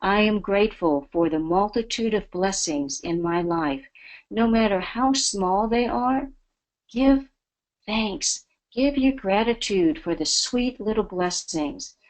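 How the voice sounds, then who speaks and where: A woman's voice: medium pitch, expressive, a little slow, low-quality recording. A woman giving a spiritual talk as a webinar guest, earnest and devotional. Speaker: guest speaker.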